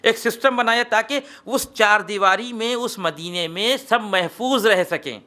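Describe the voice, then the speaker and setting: A man with an Indian Urdu accent preaching a lecture in a hall. His voice sits high and sounds bright and forceful. He builds rhetorical questions to emphatic peaks, then sinks low and quiet. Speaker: Shia cleric giving a majlis lecture.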